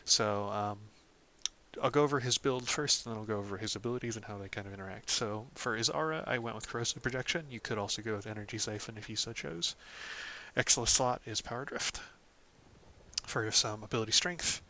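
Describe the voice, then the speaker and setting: A man hosting a casual game guide, talking through a character build in a relaxed way, with frequent "um"s and "of course"s. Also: on the low side, fairly quick. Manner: relaxed, lots of ums and "of course". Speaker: gaming channel host.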